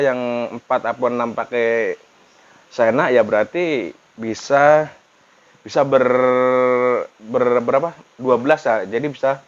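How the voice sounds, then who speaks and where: Reviewing motorcycle helmet intercoms, a man talks to viewers in a relaxed vlogger manner and keeps repeating himself. His voice is mid-range, and the recording lacks high frequencies.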